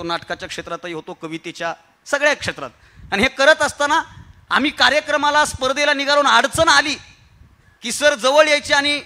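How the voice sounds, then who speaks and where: A man with a Marathi accent giving a humorous motivational kirtan talk, moving from quiet storytelling to emphatic exhortation with rhetorical questions and repetition. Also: very high-pitched. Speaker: kirtan speaker. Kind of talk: humorous motivational speech to an audience.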